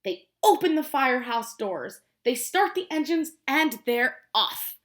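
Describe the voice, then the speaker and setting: A high-pitched American woman reads a picture book aloud to her preschool class a little slowly. She keeps things simple and expressive, stopping to ask the children questions.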